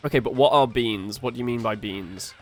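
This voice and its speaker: A man co-hosting a casual game playthrough, telling stories in an animated way, swearing, laughing and often tripping over his words. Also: medium pitch, brisk, soft background music. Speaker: co-host of a gaming playthrough. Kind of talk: casual chat over gameplay.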